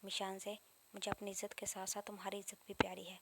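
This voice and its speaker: A woman's voice: medium pitch, monotone, heavy background noise, natural voice. A woman reading a brash, teasing young policeman. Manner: teasing and self-assured. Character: brash confident young male police officer suitor.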